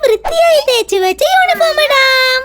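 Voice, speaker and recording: Bossy, shrill cartoon boy. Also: expressive, normal speed, very noisy. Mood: cheerful. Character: cheerful little boy Chitti caring for doll.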